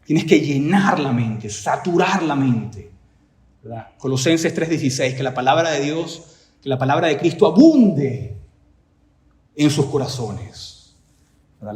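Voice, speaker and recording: A man's voice: on the high side, a little mellow, reverberant. A male pastor preaching a sermon with emphasis, often posing rhetorical questions and saying "right?" to his listeners.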